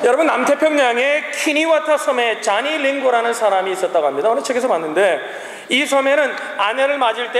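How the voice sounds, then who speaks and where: A man in his forties delivers an emphatic sermon with a strikingly high voice, calling out to the congregation and then dropping to low asides. His voice rings through a roomy church hall with a long, trailing reverb. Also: a bit bright. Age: 40s. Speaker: pastor.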